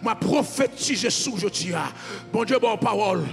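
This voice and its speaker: A man's voice: high-pitched, expressive, normal speed, creaky, a bit bright. Haitian pastor guy preaching hard, sing-song, music playing faintly behind. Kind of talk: sermon. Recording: reverberant hall with music behind.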